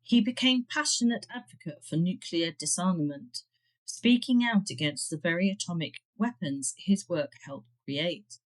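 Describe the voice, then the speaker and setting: A woman's voice: on the low side, lively intonation, moderate pace. A woman narrating a scripted history podcast, dropping dry, wry asides between the facts.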